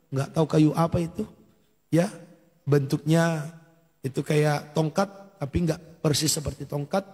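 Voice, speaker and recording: A man preaching with a husky, slightly high voice that rings in a long hall reverb. He tells his story animatedly, acting out the dialogue and breaking into hallelujahs, like a pastor at a church service. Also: warm tone. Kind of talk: sermon testimony at a morning prayer service.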